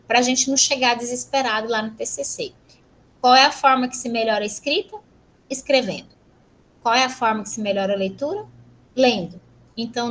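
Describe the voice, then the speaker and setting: A Brazilian woman lecturer teaching an online class, brisk and teasing, asking rhetorical questions. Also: fairly high pitch, slight background noise, poor audio. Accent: Brazilian Portuguese. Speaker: university lecturer.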